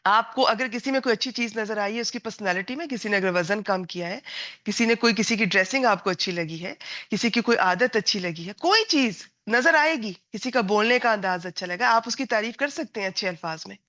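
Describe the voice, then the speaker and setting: A woman gives an earnest religious lecture to a class of women. She talks in a mid-pitched, advising tone and slips into short scolding voices to make her point. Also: a bit bright.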